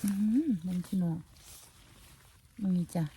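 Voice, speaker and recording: A woman from Surin with a northeastern Thai accent and a native Khmer background, a little hoarse, murmuring casual asides while foraging outdoors. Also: slow, a little hiss or hum. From Surin, northeastern Thailand. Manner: soft, murmured asides to viewers. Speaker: mushroom-foraging vlogger. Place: outdoors in a forest and on a lawn.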